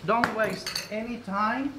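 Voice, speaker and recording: A man's voice: sits high, takes it slowly, background noise. Chatty middle-aged man teaching cooking. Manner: chatty, instructive, talks while cooking. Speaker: cooking show host. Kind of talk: cooking demonstration. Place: commercial kitchen, indoors. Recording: echoey kitchen with faint sizzling.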